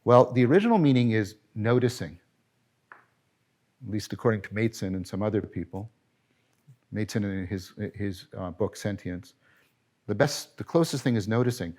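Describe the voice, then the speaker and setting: A middle-aged man giving a philosophy lecture, animated and emphatic, often correcting himself and asking rhetorical questions. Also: lowish voice, moderate pace, long pauses.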